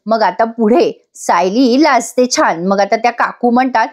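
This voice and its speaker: Woman from Maharashtra, slightly high voice, chatty serial recapper who talks straight to viewers. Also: a little slow. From Maharashtra, India. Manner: chatty, addresses viewers directly. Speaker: TV serial episode reviewer. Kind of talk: voice-over episode recap.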